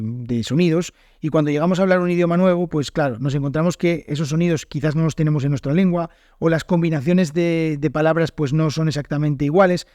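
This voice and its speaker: A Spanish teacher from the north of Spain talks through his podcast with a northern Spanish accent, his voice sitting a bit higher than most men's. He thinks aloud, pausing on fillers and correcting himself as he goes. The sound is close and dry, with no room around it. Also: a little mellow, no room sound. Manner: unscripted, thoughtful, frequent fillers and self-corrections. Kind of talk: solo podcast monologue.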